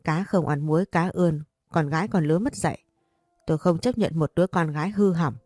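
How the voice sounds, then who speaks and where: A woman's voice: sits low, a little fast, a little mellow, no room sound, studio quality, faint music behind. A woman voicing a harsh, scolding middle-aged mother who runs a shop, cutting in her words.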